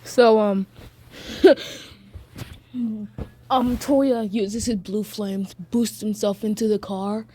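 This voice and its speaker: A woman's voice: mid-range voice, steady tone, slow pace, long pauses, dark tone. A woman casually telling a made-up fan story, giggling often and rambling with fillers.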